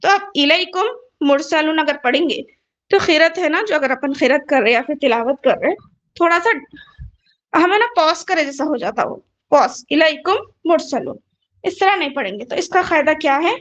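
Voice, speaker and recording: A woman's voice: high voice, animated, fairly bright tone. A woman tajweed teacher explaining recitation rules patiently, repeating each rule and asking her students questions. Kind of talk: online Quran recitation lesson.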